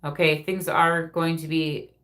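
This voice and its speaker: A woman's voice: low voice, little pitch movement, measured pace, fairly bright tone. A woman hosting a casual live spirit reading, speaking informally and directly to her viewers as a medium.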